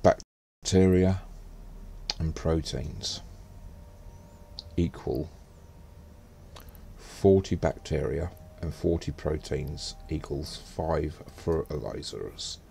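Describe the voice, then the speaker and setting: Deep gravelly-voiced man streaming a game. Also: extremely slow, pauses often, dark tone, slight background noise. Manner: muttering to himself while playing. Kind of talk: casual gameplay commentary.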